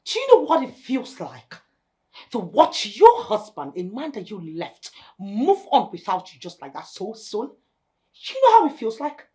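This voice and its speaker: A haughty, scheming wife, possessive and scornful. Her voice sits fairly high and swings widely as she mocks, climbing into sharp outbursts. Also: wildly swooping pitch, measured pace. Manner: mocking, sharp-tongued, rising to shouts. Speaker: estranged wife.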